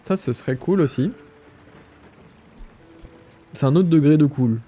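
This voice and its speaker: A man's voice: on the high side, a little slow, dark tone, faint music behind. A man with a stuffy nose, thinking aloud with many fillers as he comments on his gameplay. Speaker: gaming streamer.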